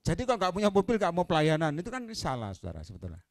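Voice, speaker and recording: A male evangelist preaching with an Indonesian accent and Javanese touches, his fairly high voice leaping up and down as he tells stories. He shifts from hushed asides to ringing declarations. The sound is close and dry. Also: rapid-fire, creaky, no room sound. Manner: animated storytelling, swings from quiet to loud proclamation. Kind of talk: sermon.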